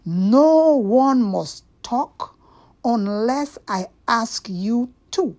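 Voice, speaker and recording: Woman acting a strict, high-voiced female schoolteacher. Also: lively intonation, mellow. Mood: stern. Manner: emphatic, drawn-out, commanding. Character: strict, stern female schoolteacher laying down rules.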